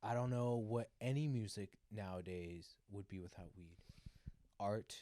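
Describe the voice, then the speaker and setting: A young man trades jokes in a relaxed, slangy podcast chat. His voice sits low with a dark, mellow tone. The close mic sounds dry. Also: a little slow, no room sound. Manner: laid-back, slangy, jokey, acts out quotes. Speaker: podcast co-host. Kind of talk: casual chat.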